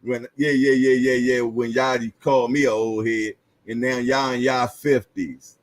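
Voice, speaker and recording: In his fifties, this man hosts a boxing livestream, chatting loosely, reading out viewer comments, chuckling, and repeating phrases in slangy banter. His mid-range voice stays steady and unhurried, and the recording is dry.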